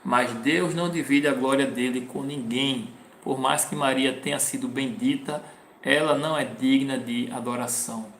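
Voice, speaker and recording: A man's voice: medium pitch, steady tone, normal speed, a bit bright, echoey room, a little hiss or hum. A man teaching from the Bible, reading verses aloud and then explaining them plainly. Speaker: preacher.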